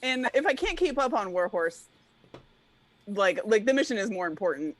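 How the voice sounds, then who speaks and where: A woman playing a tabletop game, bouncy and excitable. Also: medium pitch, poor audio. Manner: bouncy, excitable, quick to laugh. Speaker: player. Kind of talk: casual tabletop play.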